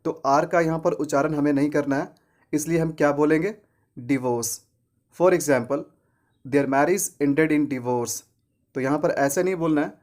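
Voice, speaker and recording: A man teaching English pronunciation in Hindi, who asks and answers his own questions and repeats the correct form. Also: a little high. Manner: slows right down for English example sentences. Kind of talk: pronunciation lesson.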